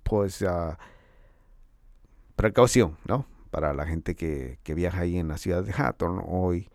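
A man's voice: low voice, unhurried, darkish tone, no room sound, studio quality. A man delivering a casual, profane monologue. He talks in slang, swears freely, jokes and boasts, and laughs often. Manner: boastful and joking.

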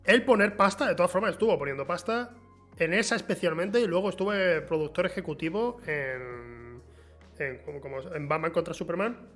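Male host, higher pitch, relaxed explainer, light music underneath. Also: normal speed. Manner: relaxed, explanatory, steers the talk. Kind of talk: casual film chat.

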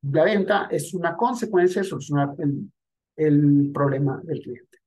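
Husky-voiced man coaching sales. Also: on the high side, measured pace, a little mellow. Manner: direct, conversational, addresses the listener. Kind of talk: instructional monologue.

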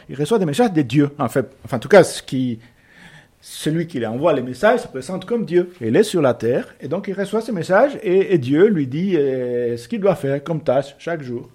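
Guy casually pitching books, stops and restarts a lot, slightly high voice. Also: animated, normal speed, a little mellow, breathy edge. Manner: hesitant, searching for words. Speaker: book presenter. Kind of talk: casual book recommendation.

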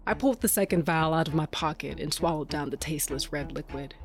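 In an audio drama, an actress voices Tasha, a tough cage fighter driven by rage, narrating in the first person with brooding drama. Her voice sits low and she talks fast, with faint music behind her. The mood is grim and hazy.

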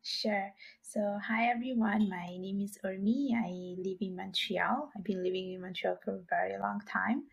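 A woman from Italy speaks as a podcast guest, her voice slightly husky. She talks earnestly, pausing on fillers and restarting her sentences. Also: mid-range voice, fairly even intonation, dull audio. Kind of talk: podcast interview.

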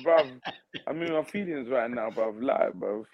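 A slightly muffled, lo-fi recording of a London man with a mid-pitched voice. He talks football as a fan in loose, laddish slang, arguing his case among mates. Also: animated, measured pace, over a noisy crowd. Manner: slangy, laddish, protesting, calling people fam and bruv. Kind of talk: casual football banter.

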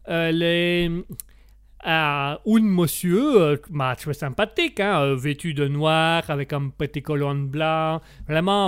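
A man's voice: a little high, a bit bright, clear, resonant tone, no echo, studio quality. A man putting on a rambling Italian pasta maker. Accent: put-on Italian. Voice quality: slow and halting, fills gaps with "ma".

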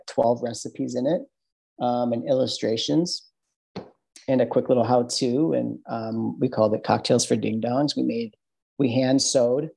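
A man's voice: medium pitch, creaky, mellow, slightly rough, poor audio. A man with a Midwestern American accent, a podcast guest talking in a loose, rambling way with lots of fillers and restarts. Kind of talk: casual interview chat.

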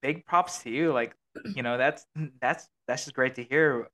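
A Filipino American man living abroad hosts a casual podcast, rambling along with lots of fillers and restarts. His mid-range voice has a fairly bright tone and moves at a moderate pace.

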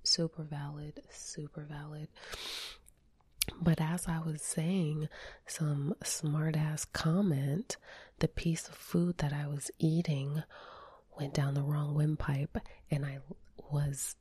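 A woman doing a whispered and soft-spoken ASMR ramble, chatting casually while she eats, close to the mic. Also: sits low, steady tone, slow, breathy edge, no room sound. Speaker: ASMR channel host.

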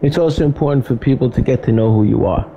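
Bright Brooklyn man, blunt and joking. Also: mid-range voice, fast, a little hiss or hum, rough recording. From Brooklyn, New York. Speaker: radio host. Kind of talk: casual chat.

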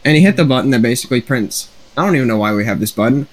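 A young man in voice chat spins a rambling work anecdote in a laid-back way. His voice sits at an ordinary middle pitch. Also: expressive, very fast. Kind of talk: casual voice chat storytelling.

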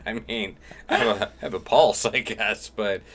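A man's voice: lowish voice, animated, measured pace, a bit bright, slight background noise. A middle-aged man hosting a podcast in a rambling, self-deprecating, casual way. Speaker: podcast host. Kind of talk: casual chat.

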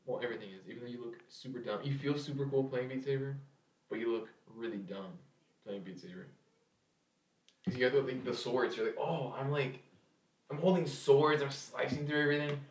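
A man's voice: mid-range voice, steady tone, a little fast. A young man co-hosting a casual podcast chat, joking and laughing often. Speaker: podcast co-host. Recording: echoey room, mic at a distance.

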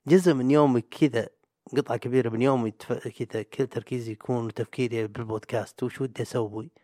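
A man's voice: medium pitch, fairly even intonation, quick pace, darkish tone, no echo, clean studio sound. A young man, hosting a solo podcast in a rambling, chatty, self-mocking way. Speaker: podcast host. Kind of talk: solo casual podcast monologue.

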